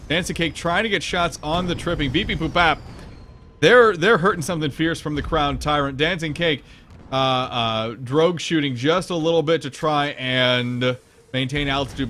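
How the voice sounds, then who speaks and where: A man commentating a competitive video game match, his voice sitting a touch above the usual male range. He breaks down positioning and tactics in an analytical way. When a ship takes heavy damage, his delivery suddenly turns excited. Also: a little high, a little hiss or hum. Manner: analytical, explains tactics, bursts of excitement at big plays. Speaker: esports commentator.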